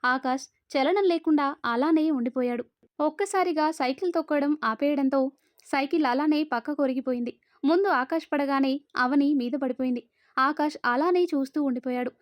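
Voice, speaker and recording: High-voiced woman telling a story. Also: normal speed, dry recording. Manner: steady storytelling read. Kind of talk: scripted audio-story narration.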